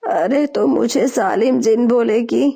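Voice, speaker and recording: Cartoon mother-in-law bird, spiteful, bossy, gravelly high voice, a woman voicing her. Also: mellow. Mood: scolding. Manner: scolding, bossy. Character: old female sparrow, spiteful mother-in-law.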